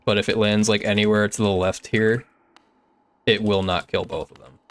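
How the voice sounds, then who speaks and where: A man's voice: lowish voice, flat delivery, normal speed. A young man streaming a game, chatting casually with his chat and sprinkling in lots of "like"s. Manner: chatty and easygoing, many filler "like"s. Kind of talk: casual gameplay commentary, reading chat.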